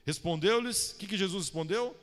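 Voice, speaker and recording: With a high, slightly bright voice at a moderate pace, a man preaches to his congregation, peppering them with questions and naming individual listeners. He's a pastor, and the church hall adds a long reverb to the recording.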